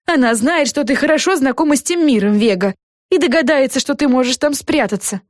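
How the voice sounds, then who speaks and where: A woman putting on a fretful, motherly café owner in a storybook reading. She talks in a raised, hurried fluster, and the sound stays dry and close. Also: sits high, lively intonation, dry recording, pitched above the performer's own voice.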